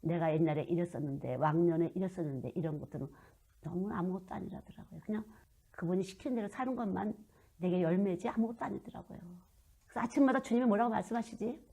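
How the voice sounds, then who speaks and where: Husky woman preaching, loud to hushed. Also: lowish voice, fast talker. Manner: storytelling, swings from loud to hushed. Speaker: children's missionary preacher. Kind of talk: sermon.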